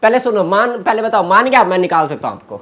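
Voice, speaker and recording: A man's voice: high voice, expressive, fast, a bit bright. Young man curtly ordering someone out. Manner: curt, repeatedly ordering her out. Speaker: prankster vlogger. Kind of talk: staged prank argument with his sister. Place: bedroom at home. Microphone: fixed camera across the room.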